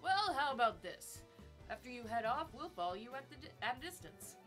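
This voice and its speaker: Casting: woman as a courteous, kindly video-game hero, pitched up, music clearly behind. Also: sing-song, a little fast, fairly bright tone. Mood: concerned. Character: kindly, earnest fantasy game hero offering help. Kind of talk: hobby voice-over of video game dialogue.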